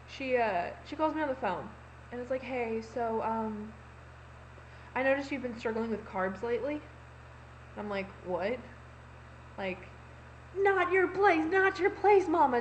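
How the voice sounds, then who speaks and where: A woman's voice: a little high, a little hiss or hum, rough recording. A young woman talking casually into her laptop, rambling with lots of fillers and acted-out quotes. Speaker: vlogger. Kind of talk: casual confessional vlog. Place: home room, laptop recording. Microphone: laptop webcam mic.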